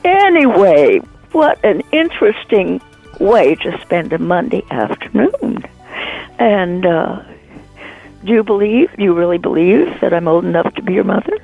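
A woman's voice: medium pitch, sing-song, unhurried, vocal fry, breathy edge, soft background music. An older woman on a phone call, confused at first, then laughing and playing along. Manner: bewildered, laughs easily. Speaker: prank call target. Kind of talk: phone conversation. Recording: muffled phone line.

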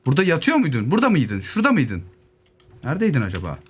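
A man's voice: on the high side, fast, slightly rough. A young man from Turkey giving casual solo gameplay commentary, joking with zombies and muttering as he loots. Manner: lively, joking asides to zombies, muttering while looting. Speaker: gaming YouTuber. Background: keyboard clicks, faint noise.

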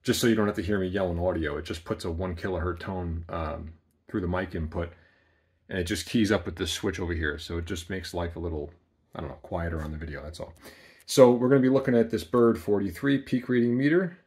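A man with a deep, darkish voice speaks in a steady tone at a fairly quick pace. He's an amplifier builder casually showing off equipment in a small workshop, talking off camera in a plain way full of ums.

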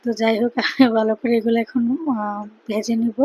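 A woman with a Bangladeshi Bengali accent, talking quietly and tiredly in a casual cooking vlog voice-over, keeping her voice low so she won't wake a sleeping child. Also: level tone, fairly quick, breathy edge, low-quality recording. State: tired after a sleepless night. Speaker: vlogger, mother cooking for her daughter.

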